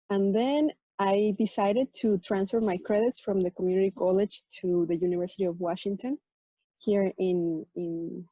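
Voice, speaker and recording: On a video call, a panel guest from Mexico describes her work as a tech program manager and her personal story, speaking earnestly with fillers and restarts. Spanish is her first language and she has a Mexican accent; her voice is mid-range and mellow. The lo-fi audio is dull and has no echo.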